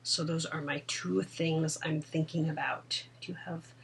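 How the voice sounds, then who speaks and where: A woman co-hosting a casual podcast chat, laughing often and dropping into soft asides. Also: deep voice, fairly even intonation, measured pace, vocal fry, distant mic, slight background noise. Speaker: podcast co-host. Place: indoor room at home.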